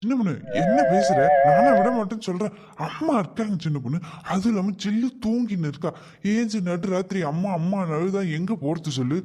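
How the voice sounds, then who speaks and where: A man's voice: high-pitched, expressive, fairly quick, dark tone. A man voicing a henpecked young husband in a comedy cartoon, coaxing his wife and soothing his mother. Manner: mild, coaxing, exasperated.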